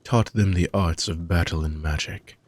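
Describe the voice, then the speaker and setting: A low-pitched man plays an ancient, weary dark mage villain in a fantasy audio roleplay meant as a sleep aid. In a gravelly, husky voice, he delivers a slow, intimate monologue in soft, deliberate, formal phrases, with a solemn, brooding mood.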